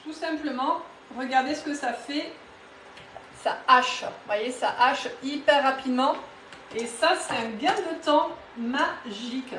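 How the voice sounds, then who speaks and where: A woman from southwest France, near Toulouse, speaks with a southwestern French accent in a high, fairly bright voice, a little slow, with a little hiss or hum. She's chatty and enthusiastic as she talks through a live cooking demo in her home kitchen, full of fillers and restarts. The sound is roomy and a bit distant from the mic.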